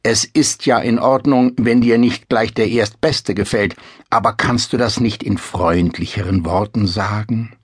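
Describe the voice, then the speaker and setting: A man's voice: fairly low pitch, measured pace, husky, no echo, clean studio sound. A stern old king, as a man puts him on. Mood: admonishing. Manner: admonishing, earnest. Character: old king, stern but loving father. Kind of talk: storybook reading.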